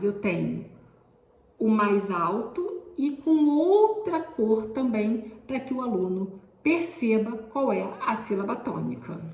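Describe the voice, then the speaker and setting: A woman's voice: medium pitch, darkish tone, reverberant. A woman teacher, explaining classroom activities step by step and often pointing things out. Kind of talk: instructional explanation.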